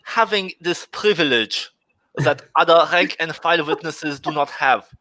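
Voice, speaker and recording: A man voicing a pompous church official in a mock German accent, with halting, deliberate pauses on a video call. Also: on the high side, a loud crowd, close to an everyday voice, low-quality recording. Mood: mock-solemn.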